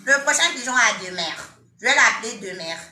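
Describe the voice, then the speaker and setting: A woman with an Ivorian French accent talks on a live stream, teasing her commenters and scolding them in jest. Her voice is very bright and sharp and sits a little high. The sound comes from an echoey room. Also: animated, normal speed, slight background noise. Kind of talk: casual live-stream chat.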